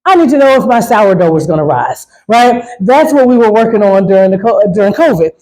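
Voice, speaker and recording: A woman's voice: medium pitch, expressive, brisk, a little mellow, low-quality recording. A woman performing a stand-up comedy set, talking loosely and with lots of swearing, often asking the crowd to agree with her. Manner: loose, profane, keeps asking the crowd "right?".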